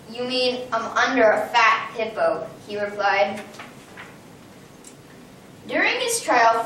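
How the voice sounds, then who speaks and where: High-pitched woman reading a picture book aloud, lively, with slips; very echoey room, mic far off. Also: slight background noise. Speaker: storyteller.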